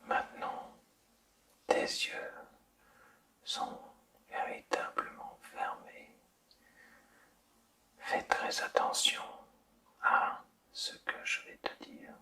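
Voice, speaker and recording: In a quiet nighttime-style whisper, a person guides the listener to sleep ASMR-fashion, slow, calm and deliberate, leaving long pauses. The sound is picked up from a distance.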